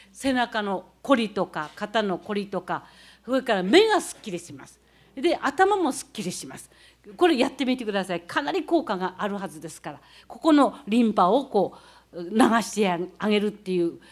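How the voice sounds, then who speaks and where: A woman from the Tohoku region gives a talk, explaining practical techniques one step at a time as she demonstrates. Her voice sits a little high for a woman, and her delivery stays explanatory and methodical. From Tohoku, Japan. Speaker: speaker recounting leading a student climb.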